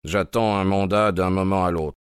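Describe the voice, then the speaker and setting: A man voicing a calm, firm, composed detective in an audio drama. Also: deep voice, moderate pace, clear, resonant tone, no echo, clean studio sound, lightly acted. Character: calm, commanding male detective.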